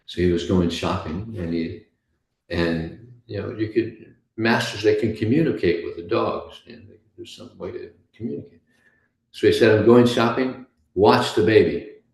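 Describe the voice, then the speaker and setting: A man giving an informal scripture class, telling stories in a chatty way and often breaking into soft laughs. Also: fairly low pitch, normal speed, vocal fry, echoey room, rough recording. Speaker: devotional class speaker.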